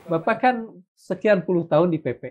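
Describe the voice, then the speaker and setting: A man's voice: high voice, expressive, a little fast, slight background noise. A man co-hosting a talk show, asking questions in a polite, hedging way. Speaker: co-host.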